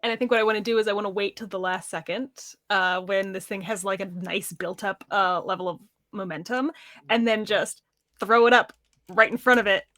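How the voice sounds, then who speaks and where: Brief: female player, bright tone, mid pitch, methodical planner. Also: fairly even intonation, fairly quick, no room sound, clean studio sound. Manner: thinks aloud, lays out plans step by step. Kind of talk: tabletop role-play chat.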